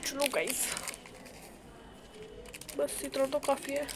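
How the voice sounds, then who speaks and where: This young adult woman vlogger from western Uttar Pradesh, India, speaks Hindi with a local Western UP accent in a high voice, slowly and bluntly rambling from her hostel room. She laughs often, and the background is noisy.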